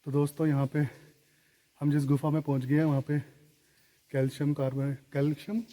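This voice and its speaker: A man talks to his viewers as he explores a cave. His voice is mellow and stays within a narrow pitch range. Long echoes off the rock walls trail behind his words. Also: level tone, brisk. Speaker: vlogger. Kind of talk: vlog narration to viewers while exploring a cave. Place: inside a large dark rock cave. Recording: echoing cave with long reverb.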